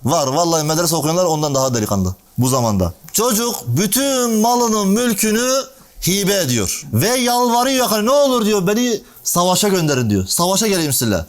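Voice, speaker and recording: High-pitched man telling a religious tale. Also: a little fast. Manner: animated storytelling, acting out dialogue with shifting pitch; addresses listeners directly by name. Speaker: preacher. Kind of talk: storytelling religious talk.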